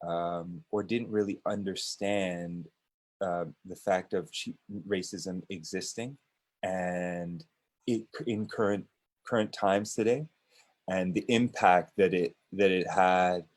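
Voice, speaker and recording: Low-pitched man, unhurried, hesitant panel guest; business owner talking things through. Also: steady tone. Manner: hesitant, with many restarts and fillers. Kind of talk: panel discussion.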